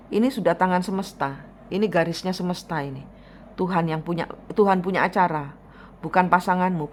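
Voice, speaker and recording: Woman tarot reader, lower voice, blunt emphatic advice, faint background noise. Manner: blunt, emphatic advice with repeated "gitu loh", drops into Javanese phrases. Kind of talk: personal tarot reading, advising a client.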